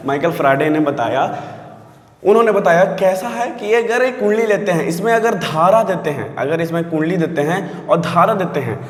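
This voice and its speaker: A man's voice: a little high, lively intonation, moderate pace. A man teaching physics, often repeating himself and checking the viewers understand, calling them sir. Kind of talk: classroom physics lesson. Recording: echoey room with long reverb.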